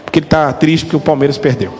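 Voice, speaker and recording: High-voiced joking pastor in a hall. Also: male voice, very fast, slight background noise. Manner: joking, animated, talks straight to the congregation. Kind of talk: lively sermon. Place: church hall. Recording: reverberant hall with faint music.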